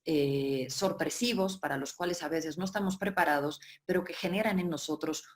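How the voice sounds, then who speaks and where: A woman from Barcelona, Spain, leads a webinar lecture as a workshop facilitator, speaking in a low-pitched voice at normal speed. She explains at length, frequently checks in with her listeners, and often uses the filler "eh".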